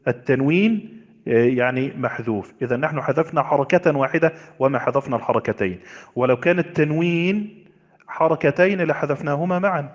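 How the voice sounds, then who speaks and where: A man's voice: fairly high pitch, a little fast. Man lecturing on grammar, lo-fi echo. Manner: explains step by step, asks and answers his own questions. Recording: lo-fi audio with long reverb.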